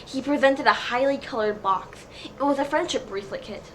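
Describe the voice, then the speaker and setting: A woman with a high, somewhat bright voice briskly narrates a comedic dramatic reading of fan fiction, adopting a mock-serious storybook manner. It's clearly a noisy home recording.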